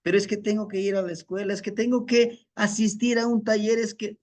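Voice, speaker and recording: A man's voice: high-pitched, flat delivery, brisk, a little mellow, pitched above the performer's own voice, natural voice. A man voicing a restless, doubtful young man who rattles off anxious excuses.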